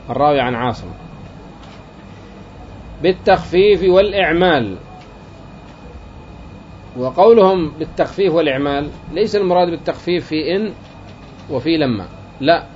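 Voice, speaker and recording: A man's voice: fairly high pitch, a little mellow, a little hiss or hum. Lo-fi recording of a man lecturing. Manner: explains step by step, repeating key phrases and asking the class rhetorical questions. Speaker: teacher of Arabic grammar. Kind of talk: classroom lecture. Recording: dull lo-fi recording.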